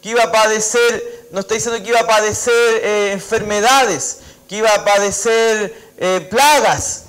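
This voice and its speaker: A man's voice: high voice, steady tone, moderate pace, a bit bright, clear, resonant tone, low-quality recording. A Chilean man preaching a sermon at a church service, reading scripture and acting out its dialogue, with many "amén" interjections. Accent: Chilean Spanish. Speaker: pastor.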